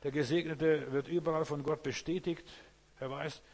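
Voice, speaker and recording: A man's voice: on the high side, steady tone, moderate pace, darkish tone. A man preaching a sermon, speaking directly to his listeners with frequent rhetorical questions. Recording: long hall reverb.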